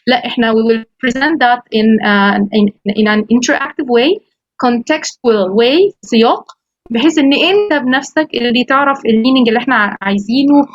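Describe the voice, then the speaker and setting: A woman English teacher with an Egyptian accent giving a course orientation over a video call, lively and mixing in English phrases. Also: a little high, moderate pace, no echo, dull audio. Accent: Egyptian Arabic. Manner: lively, quotes students in animated voices, switches into English phrases. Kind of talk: online course orientation talk.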